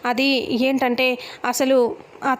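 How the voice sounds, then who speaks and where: A woman's voice: high voice, monotone, slow pace. A woman reading as a tearful young wife. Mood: hurt. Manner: tearful, pleading.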